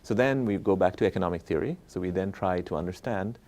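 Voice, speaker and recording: A Bangladeshi economist and professor, interviewed as a guest, explains his research conversationally and often checks in with tag questions like "right?" and "okay?". His voice is low-pitched, darkish and fast.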